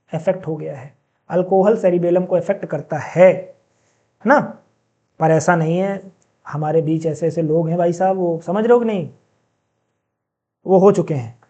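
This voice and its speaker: Male teacher in a casual lecture, mellow, a bit lo-fi; chatty, asks the class questions. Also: high-pitched. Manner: mixes in read-out English sentences, slowly.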